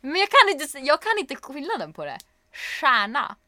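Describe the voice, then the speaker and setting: A woman's voice: high-pitched, no echo. A woman in her twenties with a Norrland Swedish accent, chatting casually as a podcast co-host and acting out the people in her stories. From northern Sweden. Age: 20s. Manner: lively storyteller who acts out quotes.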